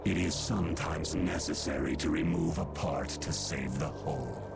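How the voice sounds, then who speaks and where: An actor playing a giant ancient bird spirit in a video game, grave, lordly and solemn, with archaic formal speech. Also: male voice, steady tone, moderate pace, full character voice. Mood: stern. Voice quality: deep, gravelly. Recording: game music behind the voice.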